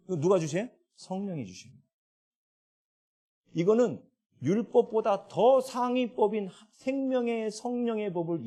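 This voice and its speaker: Lively Korean pastor preaching a sermon. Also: male voice, high voice. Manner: questions to the congregation with tag questions; lively rising and falling delivery.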